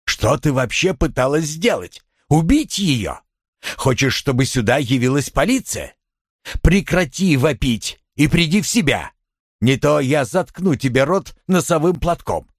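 A furious, commanding husband barks orders and insults, as a man reads him aloud. The voice leaps high and low with anger, recorded dry and close. It sounds like a storybook scene at its loudest. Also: sing-song, unhurried, husky, no room sound. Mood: angry. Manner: shouting harsh orders and insults.

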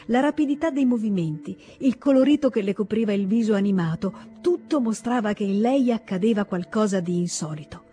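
Woman reading a classic novel aloud, steady and measured, warm mellow voice. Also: medium pitch. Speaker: narrator. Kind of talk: scripted narration of a classic novel. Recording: radio audiobook recording with faint music.

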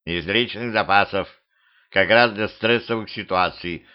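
A sly little red-furred house spirit with an offhand way of talking, voiced by a man reading an audiobook. His voice sits low. The recording is dull and lo-fi. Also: measured pace, clear, resonant tone, lightly acted.

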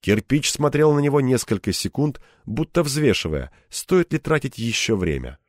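A man reading an audiobook as narrator, telling the story in a measured, expressive way. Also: medium pitch, no room sound, clean studio sound. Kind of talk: scripted narration.

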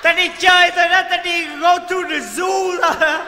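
A penniless male folk-opera actor who teases and scolds his partner, speaking. His voice is very high and very bright. The sound echoes through a large hall on a stage recording. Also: normal speed, a little hiss or hum, full character voice. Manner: teasing, exasperated, loud and playful. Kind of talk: stage comedy sketch.

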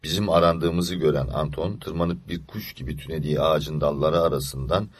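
A man reading an audiobook story aloud in a measured, low-key storytelling manner. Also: slightly rough, no echo. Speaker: narrator.

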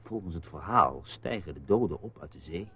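A low-voiced man acts as a reporter husband in a radio play, teasing and dodging with a wry, placating air in a storytelling mood. He speaks at normal speed with lively intonation. The recording is muffled and dull.

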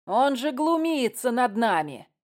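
A woman reading an audiobook, voicing a coarse, angry bearded man who shouts roughly. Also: mid-range voice, lively intonation, moderate pace, close to an everyday voice.

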